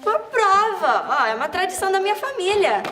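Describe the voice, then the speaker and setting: A woman playing an excitable, anxious young girl in a church kids' skit, swinging between glee and worry. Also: very high-pitched, loud music behind the voice. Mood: eager. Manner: bubbly, quick mood swings, worried.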